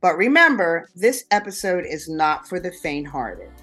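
A woman hosting a show in a theatrical, effusive manner, drawing out her words, with a husky voice. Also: on the low side, big pitch swings, a little slow, fairly bright tone, faint music behind. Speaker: host. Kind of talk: show introduction and casual interview.

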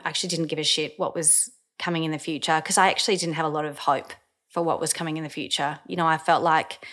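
A woman's voice: deep voice, a bit bright. A woman, candidly telling a personal story with casual swearing and fillers.

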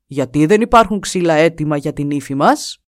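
A woman's voice: low voice, lively intonation, no room sound, clean studio sound, voice pushed down. A woman voicing a scornful young hunter who scolds his brothers.

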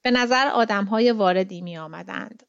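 A woman reading a short story aloud as narrator, calm and measured. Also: medium pitch, vocal fry, clear, resonant tone, no echo, lo-fi sound.

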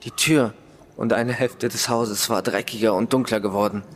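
A man reads a first-person ghost story aloud, pacing it slowly and dramatically. His voice sits at a middle pitch, and a faint ambient noise runs underneath. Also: fairly bright tone. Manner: slow, measured, dramatic storytelling. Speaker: story reader.

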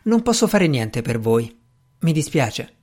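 A man reading aloud voices a reserved gentleman magician, curt and measured in his speech. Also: a little high, big pitch swings. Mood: firm. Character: brusque reserved gentleman magician, cool and dry.

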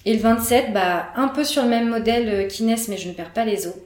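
A woman's voice: a little high, brisk, darkish tone. Hesitant woman in an echoey room. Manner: hesitant, many fillers and restarts. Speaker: guest telling her birth story. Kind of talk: casual conversation. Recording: roomy echo.

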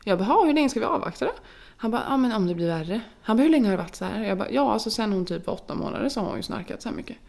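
A young woman co-hosting a casual chat podcast. She tells stories at length and acts out each quoted line of dialogue. Her voice carries a gravelly fry. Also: medium pitch, hardly any pauses, a little mellow. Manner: chatty storytelling, acting out quoted dialogue. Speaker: podcast co-host.

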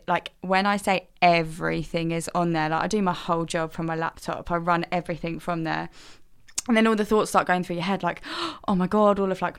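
A woman's voice: on the low side, clean tone. A young woman tells a story in a casual podcast chat, acting out what people said and laughing often. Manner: animated, acts out the voices in her stories, laughs often. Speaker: podcast co-host.

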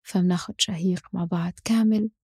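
A very breathy, soft-voiced woman with a Levantine Arabic accent guides a breathing exercise. Her tone is mellow and recorded close and dry. She gives short, measured cues, with audible inhales and exhales. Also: fairly low pitch, fairly even intonation, no room sound.

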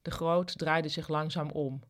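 A narrator reading a storybook chapter in a calm, even way. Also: medium pitch, measured pace.

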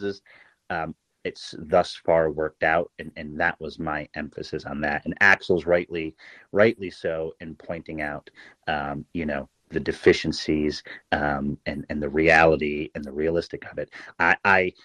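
Very deep-voiced man, halting reply. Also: a bit bright, no echo. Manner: hesitant, halting, many fillers and restarts. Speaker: panelist. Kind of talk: hesitant discussion reply.

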